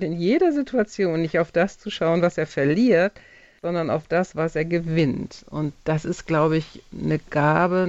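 A guest on a radio talk show tells an old fairy tale with lively energy and quick asides. The voice is mid-pitched and sits in a dry studio. The sound is a little dull and muffled in the highs. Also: no room sound. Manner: lively storytelling, with brief laughs and quick asides. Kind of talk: retelling a fairy tale and reflecting on it.

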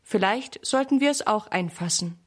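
A woman's voice: medium pitch, animated, moderate pace, close to an everyday voice. Sensible helpful girl, read by a woman, suggesting, storybook reading.

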